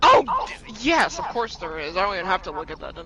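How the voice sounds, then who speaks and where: Loud swearing woman gaming with friends. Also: mid-range voice, fast, background noise. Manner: loud, animated, teasing and swearing. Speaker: gamer in voice chat. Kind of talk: casual group chat while gaming.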